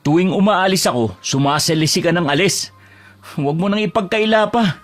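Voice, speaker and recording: A man's voice: high voice, fairly quick, faint music behind, close to an everyday voice. A man playing a weary fish-vendor husband. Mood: exasperated. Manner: respectful with elders, exasperated with wife.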